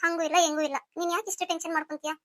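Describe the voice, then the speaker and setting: A chiding, motherly older sister-in-law, voiced by a woman in a melodramatic audio story. Her voice is high and bright, and the sound is close and dry. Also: level tone, very fast, no echo.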